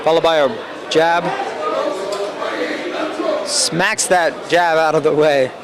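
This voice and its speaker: A man giving live play-by-play boxing commentary in measured, halting phrases. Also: a little high, fairly even intonation. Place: public boxing event venue. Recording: loud crowd noise at venue.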